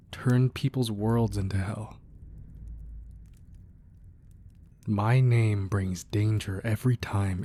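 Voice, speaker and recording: A man acts a crime boss with a low, mellow, husky voice, murmuring softly and intimately to his wife in a romantic ASMR roleplay. He is a protective, devoted husband, gruff at the edges but affectionate. The mood is remorseful and confessional.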